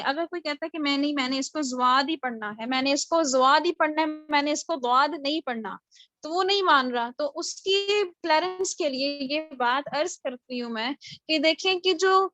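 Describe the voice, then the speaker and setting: A woman's voice: high voice, fairly bright tone, dry recording, highs cut off. A woman teaching a live online Tajweed class, patiently explaining and modelling Arabic letter sounds aloud, often checking with her students. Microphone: video call.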